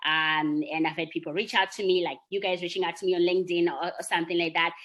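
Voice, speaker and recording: A young woman speaks in a slightly low voice. She answers interview questions earnestly and reflectively, often checking in with her listener. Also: level tone, fast talker, fairly bright tone. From Zimbabwe. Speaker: marketer and employee network founder.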